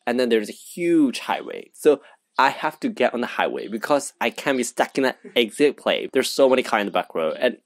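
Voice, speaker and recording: A young man telling a rambling, excited storytime vlog, with lots of fillers. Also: medium pitch, fairly quick, no echo. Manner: excited, rambling, heavy use of "like". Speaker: vlogger.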